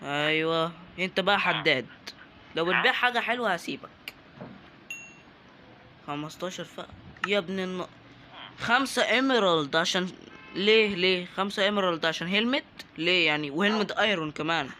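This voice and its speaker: A man's voice: high voice, a little fast, long pauses, pushed and bright, slight background noise. A young man with an Egyptian Arabic accent, giving joking, chatty let's-play commentary and talking to the game's characters. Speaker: gaming YouTuber.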